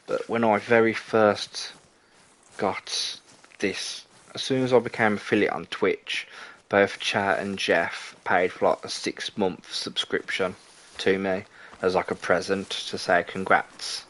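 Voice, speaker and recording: Low-voiced young male streamer, casual rambling game commentary. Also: fairly bright tone. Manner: rambling, chatty, self-correcting. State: out of breath.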